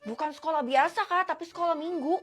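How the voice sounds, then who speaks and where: A woman's voice: very high-pitched, quick pace, a bit bright, soft background music, voice pushed up. Woman doing a cheeky little girl in a doll skit. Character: young girl who hears thoughts, cheeky.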